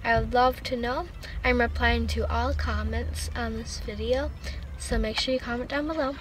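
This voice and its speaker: A woman's voice: on the high side, fairly even intonation, normal speed, noisy background. A teenage girl vlogging casually from a parked car, talking with new braces on. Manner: chatty, upbeat sign-off. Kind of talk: casual vlog chat.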